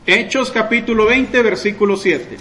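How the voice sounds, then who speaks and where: Here a preacher with a voice that sits high speaks at normal speed, asking his congregation rhetorical questions and then supplying the answers. Loud, forceful outbursts alternate with calmer explanatory passages. The recording is poor quality, with room echo and slight background noise.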